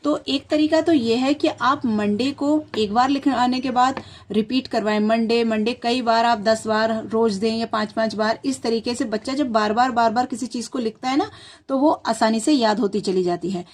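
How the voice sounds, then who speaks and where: A woman's voice: fairly high pitch, normal speed. A woman hosting a tutorial channel, patiently explaining to parents how to teach children spelling, sounding out words letter by letter.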